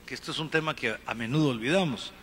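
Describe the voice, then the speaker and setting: A middle-aged man from Guatemala giving an earnest, measured talk on a conference panel, speaking into a handheld microphone. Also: mid-range voice, fairly bright tone, slightly rough. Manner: earnest, measured, gesturing with his free hand. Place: conference hall stage. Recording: reverberant hall, faint room noise.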